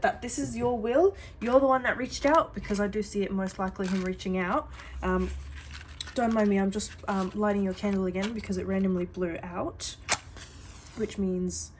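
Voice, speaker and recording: A woman's voice: mid-range voice, slight background noise. A woman giving a psychic reading, talking straight to her client in an earnest, reassuring way and repeating that she does see things. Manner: chatty, with many fillers and restarts. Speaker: psychic reader. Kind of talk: reading coffee grounds to a client.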